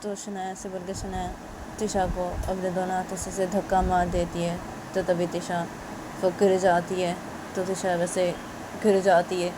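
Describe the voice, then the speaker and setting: A woman's voice: fairly low pitch, completely flat delivery, moderate pace. Woman narrating a story over noise. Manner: plain narration with repeated 'then'.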